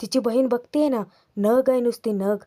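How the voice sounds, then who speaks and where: A woman's voice: on the high side, fairly even intonation, normal speed, close to an everyday voice. A woman voicing a domineering middle-aged mother who scolds and accuses her daughter-in-law. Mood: aggrieved. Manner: scolding, accusing, rising to shouting.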